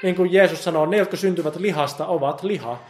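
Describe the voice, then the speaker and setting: A man preaching a sermon with passion, moving from loud emphasis to quiet, intense appeals and quoting God in the first person. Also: a little high.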